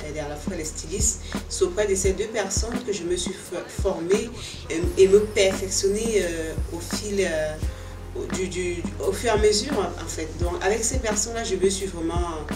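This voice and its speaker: Hesitant Cameroonian-born woman, echoey boutique. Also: fairly low pitch. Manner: hesitant, many fillers and restarts, earnest. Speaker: fashion designer and boutique owner. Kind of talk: casual interview answers. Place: indoor boutique, seated. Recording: echoey room, voice from a distance, music underneath.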